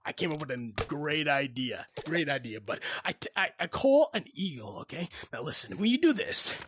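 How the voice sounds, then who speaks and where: Man, high lively voice, rambling comic rant, stammers and repeats himself. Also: normal speed, a little hiss or hum. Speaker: VR gamer.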